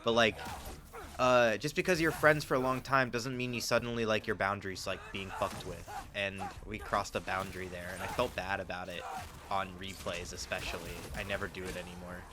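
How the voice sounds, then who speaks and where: Lower-voiced man chatting over noisy gameplay. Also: level tone, brisk. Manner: candid, chatty, swears freely. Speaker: speedrunner and streamer. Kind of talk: casual gameplay commentary.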